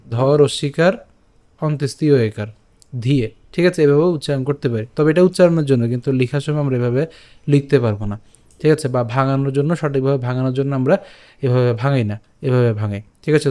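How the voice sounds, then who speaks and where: A man teaching Sanskrit verse pronunciation syllable by syllable, often checking "all right?" with his listeners and reciting the verse slowly and drawn out. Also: medium pitch, dark tone. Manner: breaks words into syllables, asks "ঠিক আছে?" often. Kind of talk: step-by-step Sanskrit pronunciation lesson.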